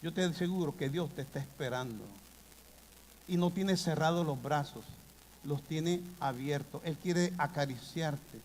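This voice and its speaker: A man preaching a sermon, impassioned, with sudden loud bursts. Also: fairly high pitch, unhurried, a little hiss or hum. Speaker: pastor. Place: church hall. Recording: long hall reverb.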